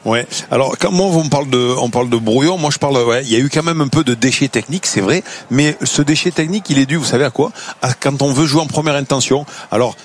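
A man breaks down a football match on live radio, his pitch sitting in a middle register. He talks in bursts, stumbling over restarts and fillers as he builds his points. A faint hum of ambience sits behind him. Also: quick pace, hardly any pauses. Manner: animated, many fillers and restarts, enthusiastic about the game. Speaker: football consultant.

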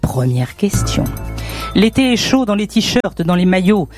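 A woman hosting a radio call-in game show, with a bouncy, lively voice that swings up and down. She talks in a chatty, teasing way, joking as she reads out the questions. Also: mid-range voice, a little slow, soft background music.

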